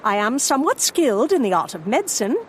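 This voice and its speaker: A woman playing a brisk, commanding Victorian lady Egyptologist who narrates and speaks in crisp, formal sentences, in a full-cast audio drama. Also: on the high side, big pitch swings, slight background noise. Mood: coaxing. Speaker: narrator and lead character.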